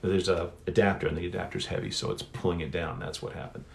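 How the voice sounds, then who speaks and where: A middle-aged man hosts a solo author Q&A livestream, rambling and chatting while often correcting himself. His deep voice is fast, level, and creaky, recorded on a phone on a stand.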